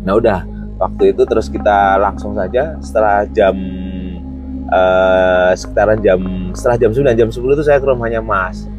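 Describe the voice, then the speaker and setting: A man from Yogyakarta, telling a personal story as a guest in a casual chat, pausing often with "eh" fillers and restarting phrases. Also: on the low side, music in the background. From Yogyakarta, Indonesia. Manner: hesitant, many "eh" fillers and restarts.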